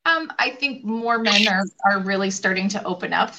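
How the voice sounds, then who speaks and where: A woman leadership coach in a podcast interview, talking in a lively way and acting out what other people say. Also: mid-range voice, normal speed, background noise. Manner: animated, acts out quoted voices.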